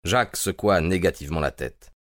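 A man narrating an audiobook in a calm, measured manner. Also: deep voice, no echo, clean studio sound.

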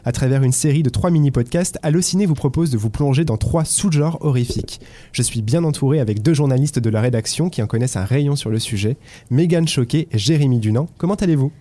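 Hosting a film podcast, a man from France talks fast in a medium-pitched voice as he introduces topics and steers the conversation. His manner is lively, with occasional hesitation.

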